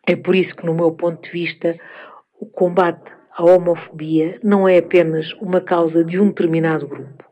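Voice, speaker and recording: Calm low-voiced Portuguese woman reflecting. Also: highs cut off. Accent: European Portuguese. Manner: measured, thoughtful, with frequent pauses. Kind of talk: reflective spoken essay.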